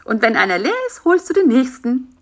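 A woman doing a squeaky, cheeky fly. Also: a little fast. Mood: nosy. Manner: excited, squeaky, scolding. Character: cheeky, nosy, bossy male fly. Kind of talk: children's story reading.

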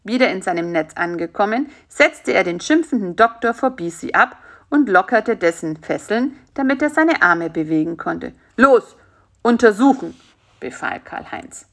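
A woman calmly reading a children's story aloud as the storyteller. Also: mid-range voice, normal speed.

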